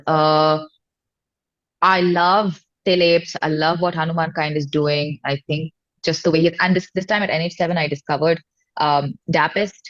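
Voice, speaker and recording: A woman with an Indian accent, a singer-songwriter, talks informally and effusively as a guest in a casual interview. Her voice is lowish, and the audio sounds dull.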